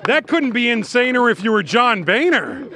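A male TV host runs a live college segment with a high voice. He talks with playful, teasing banter and quick jokes. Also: lively intonation, a crowd in the background. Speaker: TV morning show host. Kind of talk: upbeat joking live TV banter. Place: outdoors at a college campus event.

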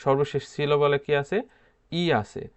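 A man's voice: on the high side, little pitch movement, normal speed, smooth. A man teaching a grammar lesson. He repeats each word and answers his own questions. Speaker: language teacher.

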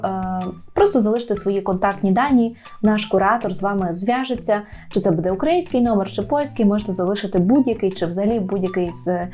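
A woman teaching a language lesson to learners, slowing down to repeat each word carefully. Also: mid-range voice, dark tone. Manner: slows down to repeat words carefully. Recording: faint background music.

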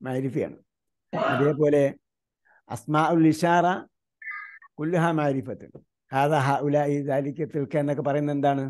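Man from India teaching grammar online, mellow voice, keeps quizzing students and spells terms out slowly. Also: fairly high pitch, fairly even intonation. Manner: quizzes students with repeated questions.

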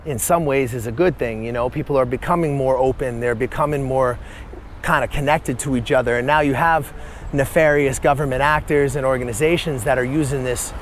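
This is a man in his forties filming himself as he walks through a city. He talks bluntly and rambles, chopping off his own curses halfway. Street noise and passing traffic sit clearly behind his voice. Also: mid-range voice, a little fast. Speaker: vlogger and life coach. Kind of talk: casual walking vlog monologue.

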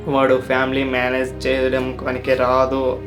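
Worried mother, read by a man, plaintive, slow and flat, storybook retelling. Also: medium pitch, music in the background, close to an everyday voice. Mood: pleading. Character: worried middle-aged mother pleading for help.

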